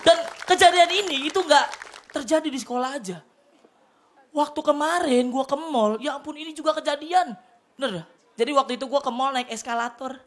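A man from Jakarta with a colloquial Jakarta accent, performing a loud, excitable stand-up routine on a TV studio stage, bursting into shouted punchlines. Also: extremely high pitch. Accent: Jakarta colloquial Indonesian. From Tanjung Priok, Jakarta, Indonesia. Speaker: stand-up comedian. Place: TV studio stage with live audience. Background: audience laughter.

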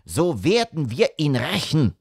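A man's voice: fairly high pitch, big pitch swings, unhurried, gravelly, breathy edge, no echo, clean studio sound, pitched above the performer's own voice, exaggerated voice. A man voicing an intense, commanding male detective in an audiobook, with a grave, urgent delivery. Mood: furious. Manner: grave, urgent, hushed to shouting. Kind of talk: audiobook character reading.

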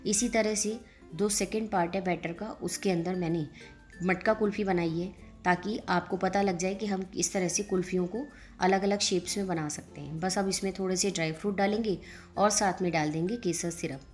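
A woman hosting a cooking channel, calmly explaining each step of a recipe in a voice-over and speaking straight to the viewers. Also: on the low side, normal speed, faint music behind. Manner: calm step-by-step instructing, addressing viewers directly.

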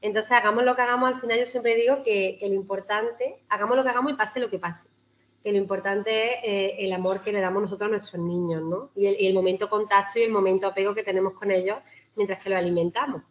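A woman's voice: mid-range voice, steady tone, fast talker. Chatty Spanish woman giving an online talk. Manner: chatty, warm-hearted, frequent "¿no?" tags and restarts. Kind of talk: informal talk to a breastfeeding group. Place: video call.

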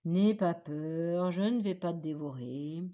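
A woman voicing a gentle, clumsy, good-natured male wolf in a storybook reading, in a lively, slightly raised voice. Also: high-pitched, normal speed, pitched above the performer's own voice. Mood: soothing.

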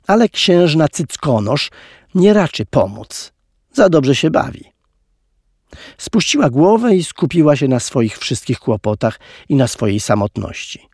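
Man reading a storybook, very lively pitch, close dry studio sound. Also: a little slow, husky, no echo. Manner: expressive, animated storytelling. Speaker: audiobook reader. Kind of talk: audiobook narration.

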